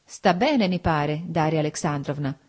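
A woman's voice: sits low, normal speed, darkish tone. A woman reading the part of a cold, formal husband in an audiobook, speaking in a restrained, clipped way. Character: cold, stiff, wounded older husband.

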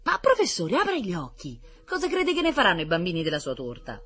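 Reader's knowing schoolboy, bright and a bit breathy. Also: medium pitch, huge pitch swings, quick pace, soft background music, voice pushed up, full character voice. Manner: knowing, persuasive. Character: clever confident schoolboy.

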